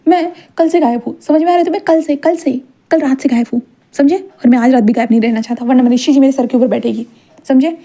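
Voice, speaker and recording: A woman voicing a flustered, cheeky young man in a fan-fiction story, stammering and excitable. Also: sits high, quick pace.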